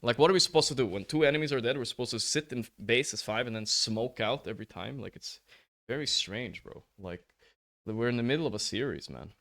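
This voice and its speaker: A man's voice: mid-range voice, brisk, creaky, a bit bright. A man streaming to his chat, frustrated, repeating "like, bro" and swearing freely while he reviews a match recording. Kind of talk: casual chat to stream viewers. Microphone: headset or desk mic, turned up high.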